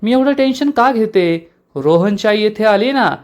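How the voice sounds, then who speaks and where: A man's voice: high voice, animated, normal speed, pitched above the performer's own voice. A man voicing a scheming young sister-in-law who talks in a wheedling, gossipy way.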